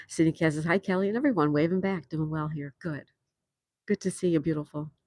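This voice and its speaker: Brisk and low with a darkish tone, the host is an older New York woman chatting on a patio livestream and reading viewers' messages out loud between frequent laughs. The sound is clean studio quality with no echo.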